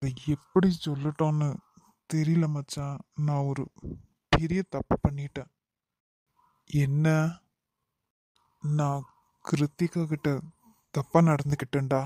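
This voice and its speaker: A man's voice: on the high side, flat delivery, slow, pauses often, warm tone. A man voicing a guilt-ridden young man in a cartoon who laments and reproaches himself, with a Kanyakumari Tamil accent. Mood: guilty. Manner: despairing, self-reproaching. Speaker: cartoon character.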